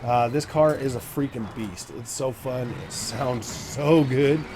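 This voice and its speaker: This mid-range male voice, a little slow, belongs to a forties-aged gaming channel host commenting casually while he races. He rambles with many fillers, and background noise mixes with the game's engine sounds.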